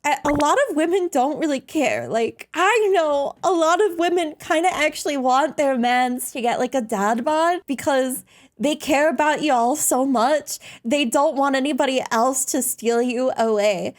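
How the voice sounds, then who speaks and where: High-pitched cute anime-streamer woman. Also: expressive, a little slow. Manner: teasing, exasperated, slangy. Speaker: streamer reacting to a video. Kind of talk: casual livestream reaction commentary.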